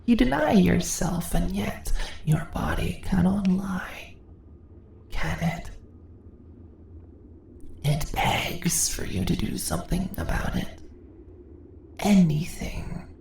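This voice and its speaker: In a fantasy ASMR roleplay, a woman plays a predatory female spider monster, speaking extremely slowly in a low, breathy, somewhat creaky voice that often slips into whispers. Her full character voice is a little mellow with lively intonation, and she's teasing, seductive and in control, drawing out condescending questions. The slightly echoing room adds roomy echo and faint background noise.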